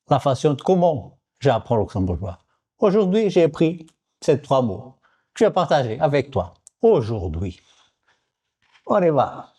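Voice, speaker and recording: A vlogger from Portugal, with a Portuguese accent, teaches vocabulary in a casual video by repeating words many times. His voice sits on the high side, dark in tone and slightly rough.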